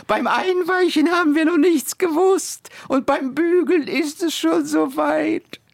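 A shrill, bossy old village woman screeches and nags in a very high voice, done by a man reading aloud. The recording is close and dry. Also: a little slow, gravelly, no room sound, heavily acted. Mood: laughing. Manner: scolding, screeching. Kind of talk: literary radio reading.

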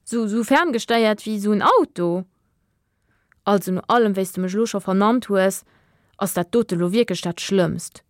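A mischievous furry little creature bounces through his lines with exaggerated teasing. A woman puts him on in an unhurried, close and dry children's storybook reading. He sounds playful and touchy. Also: mid-range voice, dry recording, close to an everyday voice.

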